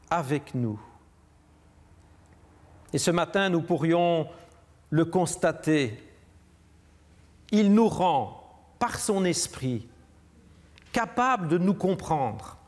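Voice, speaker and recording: A man preaching a measured, reflective sermon in a church. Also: high-pitched, a little mellow. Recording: long church reverb.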